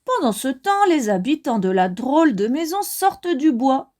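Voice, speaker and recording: Woman storyteller, high voice, lively sing-song, slow, reading to children. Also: slight background noise. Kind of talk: read-aloud storytelling for children.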